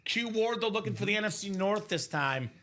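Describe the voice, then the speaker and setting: High, bright-voiced man hosting a live break. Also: brisk. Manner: energetic, chatty, calls out names and teams. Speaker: host of live card breaks. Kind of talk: live stream commentary.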